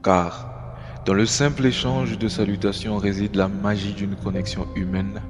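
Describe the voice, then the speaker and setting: A man patiently explains English pronunciation and greetings, frequently checking in with "ok?" in this language lesson. His voice is fairly low, level in tone, and delivered at normal speed.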